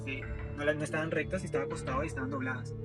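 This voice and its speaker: Guy telling his story kinda slow and stumbly, lots of ehs, voice a bit high, music playing behind. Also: steady tone. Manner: hesitant, with many fillers and repeated words. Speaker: interview guest sharing a testimony. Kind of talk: casual first-person storytelling. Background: music playing under the voice.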